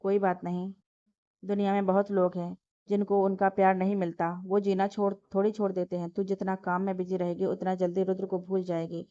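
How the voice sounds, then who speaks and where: A woman voicing a caring young woman who gently coaxes and scolds her friend. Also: medium pitch, flat delivery, a little fast, no echo, close to an everyday voice. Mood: coaxing. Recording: dull lo-fi dry recording.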